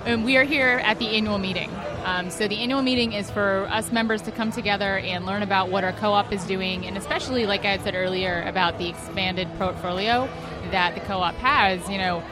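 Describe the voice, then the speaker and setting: A woman's voice: mid-range voice, brisk. A chatty woman dairy farmer from Maryland, talking casually in an interview. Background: music bed.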